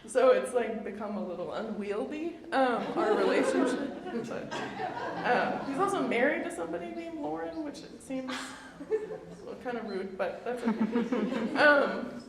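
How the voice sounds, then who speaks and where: Her voice sits on the high side with lively intonation and a measured pace, and crowd noise can be heard. She's a thirtysomething Indiana native with a Midwestern American accent, chatting her way through an informal, self-deprecating artist talk full of fillers in an indoor event room that is echoey and faintly noisy.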